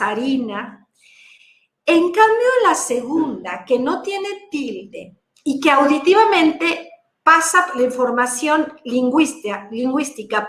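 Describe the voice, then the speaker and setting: A woman giving a deliberate virtual conference lecture, explaining with rhetorical questions. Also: sits high, a bit bright, echoey room. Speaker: lecturer on language teaching for deaf children. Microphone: video call.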